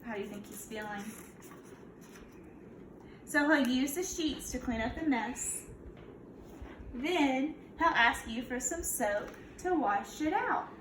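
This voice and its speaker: A kindergarten teacher reads a picture book to young children slowly, pausing often, in a high, animated, slightly bright voice. She keeps it instructive by prompting them with questions. Echo and clear background noise fill the recording.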